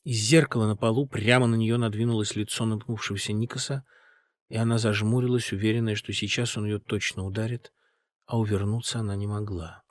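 A man narrating an audiobook with a lively, dramatic delivery. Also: on the low side, a little fast, no echo, clean studio sound.

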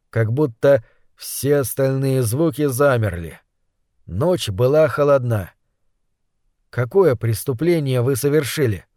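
A man narrating an audiobook in a steady, descriptive storytelling manner. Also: medium pitch, dry recording, studio quality. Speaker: reader.

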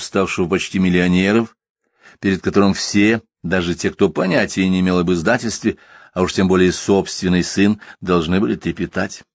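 Deep-voiced man reading a novel aloud. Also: no echo, studio quality. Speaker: audiobook narrator. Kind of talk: literary audiobook narration.

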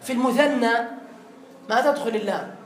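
A man teaching an Arabic grammar lesson in a classroom, explaining slowly, repeating points and quizzing his students. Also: extremely high pitch, echoey room, slight background noise.

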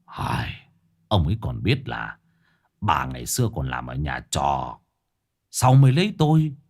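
A man voicing an anxious older wealthy landlord who speaks to his wife in a hushed, confiding way. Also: low-pitched, sing-song, moderate pace, voice pushed down, exaggerated voice.

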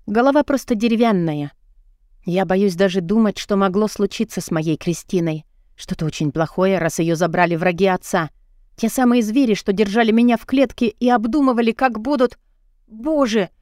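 A woman's voice: medium pitch, normal speed, darkish tone, dry recording, clean studio sound. A woman narrating a novel in the first person, reading dramatically and with strong emotion. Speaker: audiobook narrator.

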